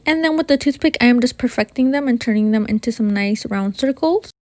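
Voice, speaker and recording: A woman's voice: on the high side, a little fast, a little mellow, no echo. A woman narrating a how-to baking tutorial in an informal way, with a slight lisp and whistling s. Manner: addresses viewers informally as you guys. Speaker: baking video host.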